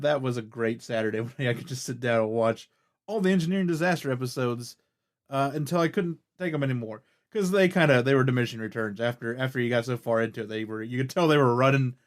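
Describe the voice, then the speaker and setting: A male podcast host talking at a middling pitch in a loose, rambling chat. He pads his sentences with "like" and "uh" and sounds keen and easygoing about what he's telling. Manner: rambling, full of "like" and "uh".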